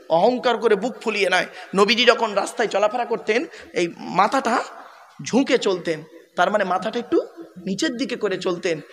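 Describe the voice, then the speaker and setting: High-voiced preacher man. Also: fairly bright tone. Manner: addresses listeners as "bapera", repeats rhetorical checks. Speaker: Islamic preacher. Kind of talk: sermon.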